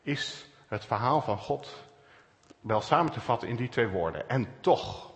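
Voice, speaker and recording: A man preaching a calm, searching sermon, with pauses and stresses. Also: medium pitch, long reverb tail. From Netherlands. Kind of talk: reflective sermon.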